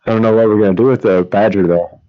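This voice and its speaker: A man with a fairly low voice takes part in a tabletop game as a player. His talk is casual, and the audio is a little dull and lo-fi. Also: fairly even intonation, fast.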